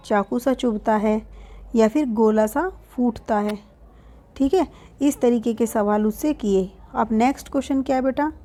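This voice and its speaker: A woman teacher reads a lesson aloud line by line, then explains each line in simple words, calling her students "beta." Her voice is on the high side with a dark tone.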